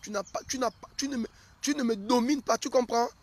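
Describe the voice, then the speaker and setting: A preacher voicing a proud, quarrelsome wife who scorns her husband, in a shrill falsetto and an indignant manner. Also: animated, moderate pace, a bit bright, husky, no room sound, full character voice. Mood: defiant, scornful.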